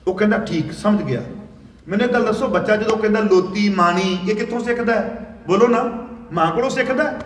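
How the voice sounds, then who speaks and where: Man, high voice, religious sermon, call-and-response with the crowd, echoing hall, heard from a distance. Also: fairly quick, a little hiss or hum. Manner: calls out to the audience for responses; storytelling with quoted dialogue. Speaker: preacher. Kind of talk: Sikh religious discourse to a congregation. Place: large gurdwara hall with congregation. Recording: echoey hall, speaker far from mic.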